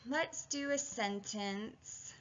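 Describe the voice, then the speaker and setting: Woman teacher doing a phonics video, sounds out syllables, unhurried, kinda high voice, muffled lo-fi audio. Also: fairly bright tone. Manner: encouraging, chatty, thinking aloud. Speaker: reading and spelling teacher. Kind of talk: video phonics lesson, talking students through steps. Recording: dull lo-fi sound.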